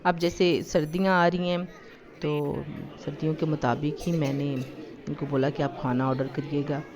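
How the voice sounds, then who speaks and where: Crowd noise sits behind a low female voice that barely moves in pitch and keeps a normal speed. She's a family lifestyle vlogger doing casual voice-over for a shopping and dining vlog, chatty and homely, with frequent fillers and a slightly sore throat, all on a slightly dull lo-fi recording.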